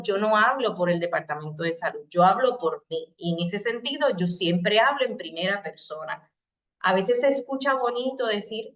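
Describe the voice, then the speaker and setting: A middle-aged Puerto Rican woman with a Puerto Rican Spanish accent, delivering a recorded training lecture. Her voice sits at an ordinary middle pitch, and her talk is patient and explanatory. She slips briefly into short example phrases to show what to say. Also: fairly bright tone. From Puerto Rico. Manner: explanatory, speaks in first person, acts out short example phrases. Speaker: psychologist giving a training session. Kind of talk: recorded lecture on crisis communication.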